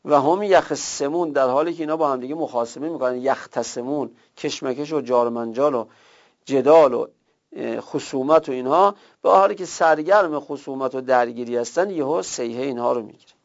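Man, gravelly voice, grammar lesson, patient step-by-step explaining, dull lo-fi recording. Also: medium pitch. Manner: explains step by step, repeats forms slowly. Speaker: teacher.

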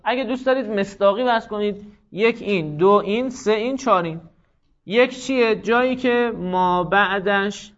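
A man's voice: sits high, a bit bright. A man teaching a grammar class, explaining patiently, repeating key points and putting questions to his students. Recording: dull lo-fi recording.

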